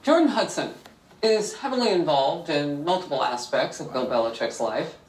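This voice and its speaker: A news anchor introducing cable news stories in a measured, pointed delivery. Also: male voice, on the high side, expressive, echoey room, distant mic, rough recording.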